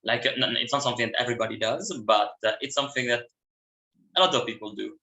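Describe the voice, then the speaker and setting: A man's voice: mid-range voice, fairly even intonation, fast, pushed and bright. Italian-accented young man in an echoey room. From Italy. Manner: hesitant, many fillers and restarts. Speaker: guest, university student. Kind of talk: casual interview talk.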